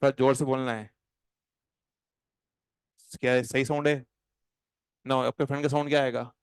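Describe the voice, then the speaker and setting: Animated and playful, a man teaches chemistry to a classroom, crawling along slowly when it's time to dictate notes. The recording of his smooth, clear, mid-range voice is close and dry, with no room sound.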